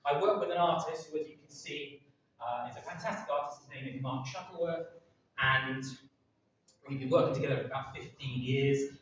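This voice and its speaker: A man's voice: mid-range voice, moderate pace, fairly bright tone. A middle-aged man from England, a poet chatting with his audience at a live reading, joking and self-deprecating. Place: large seaside pavilion hall with audience. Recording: echoey hall, distant, dull and noisy.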